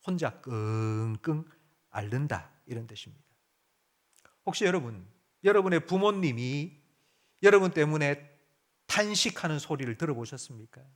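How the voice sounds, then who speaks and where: A pastor delivers a sermon, putting direct questions to his congregation. He moves back and forth between loud, urgent appeals and quiet, low murmurs.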